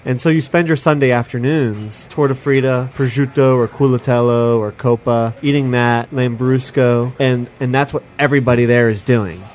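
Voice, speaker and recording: A man's voice: mid-range voice, steady tone, normal speed, hardly any pauses, a little mellow, a little hiss or hum. A man from Israel, a chef being interviewed, telling stories in a reflective, rambling way with lots of "like" and "you know.". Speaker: chef, guest. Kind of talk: casual interview storytelling.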